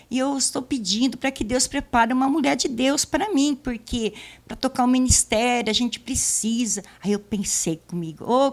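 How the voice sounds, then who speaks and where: A middle-aged woman giving a church testimony, telling her story in a casual, lively way and acting out the dialogue. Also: a little high.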